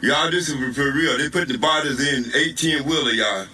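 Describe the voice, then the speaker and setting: A man's voice: medium pitch, moderate pace, pushed and bright, recorded from a distance, slight background noise, low-quality recording. A shaken man, filming on a phone outdoors and pleading urgently, repeating himself. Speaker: bystander filming a street scene. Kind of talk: urgent live phone report. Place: outdoors on a city street. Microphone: phone held in hand.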